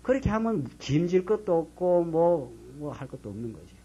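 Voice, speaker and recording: A middle-aged male pastor teaching a Bible study in a church, reading scripture slowly and dramatically and then explaining it in casual talk. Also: fairly high pitch, sing-song, mellow, slightly rough. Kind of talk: Bible lecture sermon. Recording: dull lo-fi church lecture recording.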